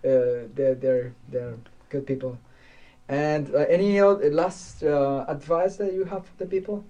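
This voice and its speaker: A man's voice: on the high side, fairly even intonation, dark tone. Costa Rican man hosting a podcast. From Costa Rica. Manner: halting, friendly questions. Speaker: podcast host. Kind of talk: casual interview.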